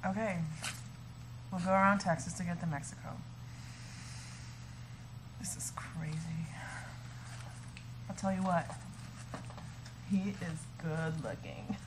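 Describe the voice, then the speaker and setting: A woman's voice: on the low side, steady tone, normal speed, pauses often, lightly acted. A woman in an acting class scene, playing a practical, exasperated woman fugitive in a conversational, pleading manner. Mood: resigned. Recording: noisy room recording.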